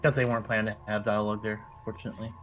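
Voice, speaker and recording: A man chatting casually alongside a gamer friend, relaxed and swearing offhandedly. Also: on the low side, rapid-fire, slight background noise. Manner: laid-back, mumbles to himself, swears casually. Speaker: co-host friend. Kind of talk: casual chat.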